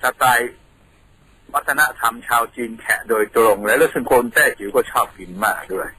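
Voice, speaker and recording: A man's voice: medium pitch, moderate pace, sharp tone, husky, poor audio. A man from Thailand, a radio guest patiently explaining things in a studio, telling them like a story.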